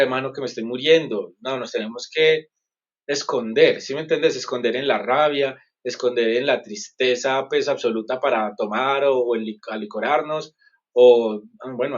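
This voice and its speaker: Guy psychologist talking it through, keeps checking you get it, kinda muffled sound. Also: mid-range voice. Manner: repeats "¿sí me entiendes?" often; earnest, explanatory, self-correcting. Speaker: psychologist guest. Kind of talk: conversational interview.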